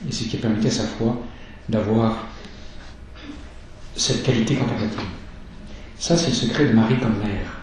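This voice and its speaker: A man giving a sermon, teaching in a slow, measured way and reading scripture aloud. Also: fairly low pitch, fairly even intonation, darkish tone, slight background noise. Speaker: preacher. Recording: echoey church from far off.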